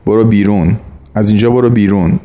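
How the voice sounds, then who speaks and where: A man's voice: fairly low pitch, fairly even intonation, dark tone, natural voice. A man reading the lines of a secretive, curt teenage son in an audiobook reading. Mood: angry.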